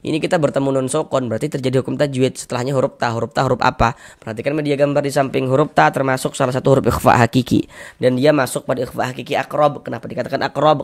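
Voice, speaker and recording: Gravelly man teaching Quran recitation. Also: medium pitch, fairly even intonation, fast. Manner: patient, repeats each rule, drawls recited syllables. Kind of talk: tajwid lesson with recited examples.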